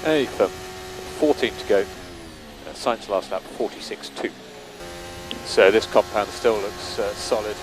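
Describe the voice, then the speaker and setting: Speaking in a lowish voice at a measured pace, a race engineer gives clipped, factual updates on team radio. The radio transmission is noisy and full of car noise.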